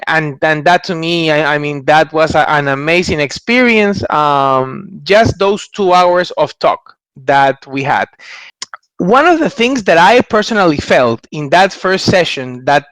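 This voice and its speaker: A man's voice: sits high, a bit bright, dry recording. A man in his thirties from Ecuador giving an earnest testimonial over a headset mic in a small room, gesturing as he talks and often restarting his phrases. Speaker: MBA graduate giving a testimonial. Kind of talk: testimonial talk to camera. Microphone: headset mic on a video call.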